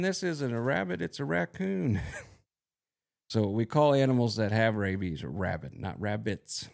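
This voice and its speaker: Gravelly low-voiced male veterinarian. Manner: relaxed, explanatory, folksy. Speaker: equine veterinarian. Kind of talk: educational podcast talk.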